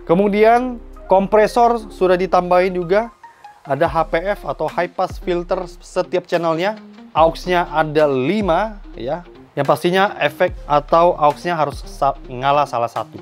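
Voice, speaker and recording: Man, enthusiastic product review, slightly high voice, soft background music. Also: measured pace. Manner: enthusiastic, explanatory, addresses viewers as friends. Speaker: audio shop owner reviewing a mixer.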